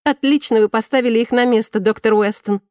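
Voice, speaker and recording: A narrator voicing an eager young female medical student in an audiobook who answers briskly, rattling off facts. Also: medium pitch, darkish tone, no room sound, studio quality, pitched above the performer's own voice, natural voice. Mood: admiring. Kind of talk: audiobook character reading.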